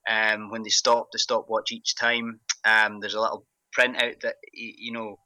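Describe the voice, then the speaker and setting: A man with a thick, broad Scottish accent giving casual, halting interview answers, often repeating words as he goes. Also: lowish voice, completely flat delivery, pushed and bright, no room sound. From Glasgow, Scotland. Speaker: interview guest, parkrun event organiser.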